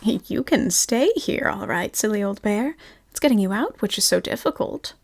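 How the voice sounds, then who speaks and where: A woman voicing a kind, fond little boy in whispered role-play, soft and reassuring. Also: mid-range voice, animated, normal speed, vocal fry.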